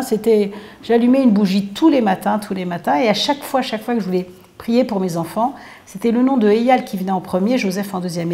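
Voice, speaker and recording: Dark-toned mother recounting dreams. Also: mid-range voice. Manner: recounts dreams, acting out quoted dialogue. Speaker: mother of a fallen soldier. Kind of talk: emotional personal recollection.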